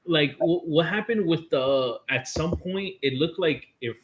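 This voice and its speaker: A man's voice: on the high side, measured pace, a little hiss or hum. A man hosting a podcast, chatting casually and asking laid-back follow-up questions. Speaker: podcast host. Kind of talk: casual interview chat. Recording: dull lo-fi audio.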